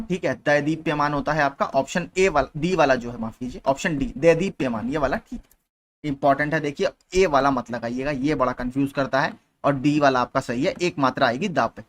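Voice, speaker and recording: As a channel host, a young man teaches patiently, taking exam questions one by one and repeating the key points often. He keeps asking "theek hai," in a voice that's on the high side with a fairly bright tone.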